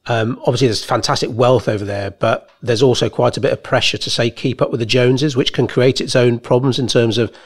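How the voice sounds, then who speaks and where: A man's voice: mid-range voice, steady tone, fairly quick, few pauses, husky. A man hosting a podcast, interviewing in a casual, conversational way.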